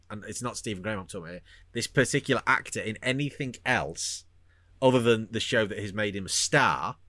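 An animated British man talking casually, with a bright, forward tone and a pitch that swoops up and down. He tells stories jokingly and slips into put-on voices. The sound is close and dry, with no room around him. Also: dry recording. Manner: animated, jokey, puts on voices mid-story. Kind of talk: casual chat.

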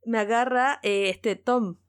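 Una mujer con acento chileno que narra una anécdota personal en tono de charla casual, emocionada, repitiendo palabras. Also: female voice, a little high, slow, clear, resonant tone. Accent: Chilean Spanish. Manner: excited, repeats words, laughs often. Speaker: guest. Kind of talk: casual storytelling.

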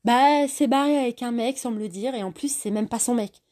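A woman's voice: on the high side, moderate pace, a little mellow, pitched above the performer's own voice, lightly acted. A woman voicing a young female newcomer to the city, guarded and easily exasperated, in a raised, tense voice. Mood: irritated.

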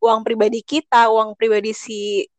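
A woman's voice: on the high side, flat delivery, normal speed, no room sound. Blunt, slangy woman, dry close sound. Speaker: podcast co-host. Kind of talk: casual chat.

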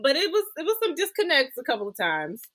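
A woman's voice: high-pitched, fast talker. A woman from Georgia co-hosting a podcast, chatting casually and expressively about TV shows and acting out scenes as she retells them. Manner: expressive, acts out quotes. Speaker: podcast co-host. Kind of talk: casual chat.

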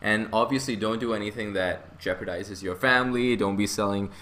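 A young man hosts a casual investing podcast, his slightly low voice sounding bright and forceful. Speaking a little fast, he rambles from point to point and keeps chuckling.

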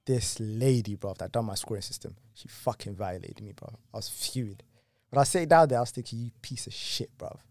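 Fast-talking man ranting. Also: on the low side, no echo. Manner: animated ranting storyteller, heavy slang and swearing. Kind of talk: casual chat.

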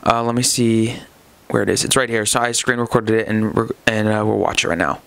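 A man's voice: lowish voice, fairly even intonation, brisk, gravelly, a bit bright, clean tone. A man hosting a podcast, commenting casually and reading out items. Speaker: podcast host.

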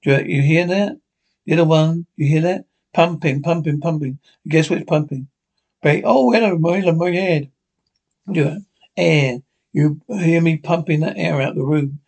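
A man's voice: fairly high pitch, normal speed, gravelly, a little mellow. A man playing a murderous old man in a horror radio play, with a menacing, theatrical delivery. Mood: gloating, menacing. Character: gloating murderous old man, panicking when trapped.

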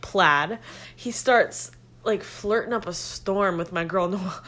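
Animated young woman co-hosting a podcast. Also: mid-range voice, slow, crowd noise. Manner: animated, laughing, jumps in to finish stories. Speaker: podcast co-host. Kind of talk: casual storytelling chat.

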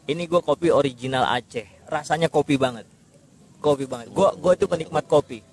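A man's voice: a little high, brisk, a little mellow. A man, a guest in a casual podcast chat, speaking informal slang in an agreeable, joking way. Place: coffee shop.

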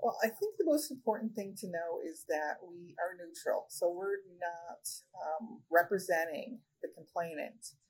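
Woman, husky, lower-pitched, measured, official guest on a podcast. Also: animated, poor audio. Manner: measured, many fillers and restarts. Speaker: regional director of a state human rights agency, podcast guest. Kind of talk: conversational interview answers.

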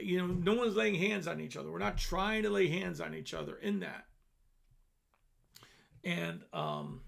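A man speaking earnestly on a devotional podcast, getting emotional and repeating phrases, then easing into a soft, breathy prayer. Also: a little high. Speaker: minister on a podcast.

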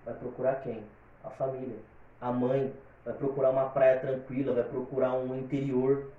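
A man's voice: medium pitch, level tone, normal speed, narrow, tinny audio. A man from São chatting casually as a podcast guest, giving opinions in a rambling way full of repeated fillers. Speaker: guest singer. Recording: very echoey room, distant mic.

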